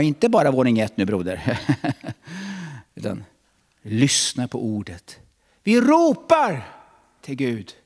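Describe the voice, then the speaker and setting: A middle-aged man preaching a sermon in a church, switching between loud calls and hushed asides. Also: on the low side. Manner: animated, swings between shouting and hushed asides. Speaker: pastor.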